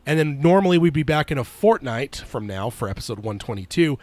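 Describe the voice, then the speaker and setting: A man co-hosts a casual podcast in a very dry-sounding recording. His middle-pitched voice is a little weak and strained from a recent illness. He talks in a halting, stop-start way, often circling back on himself. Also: expressive, darkish tone, no room sound. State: slightly weak, strained voice after being sick. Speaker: podcast co-host.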